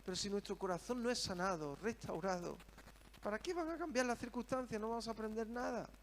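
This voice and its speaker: A man's voice: high-pitched, fairly quick, a little hiss or hum. A man preaching a sermon, earnest and full of rhetorical questions.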